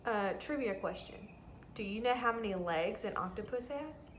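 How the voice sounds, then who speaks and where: A woman reads a children's story aloud with plenty of expression, pausing for simple teacherly asides that explain words to the kids. Her voice sits in the mid range and moves at a moderate pace. The room gives a noticeable echo, and there's some background noise.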